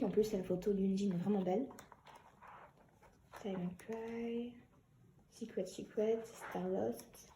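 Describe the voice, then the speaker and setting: A young woman chatting excitedly and giggling as she unboxes an album for her vlog. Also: medium pitch, roomy sound.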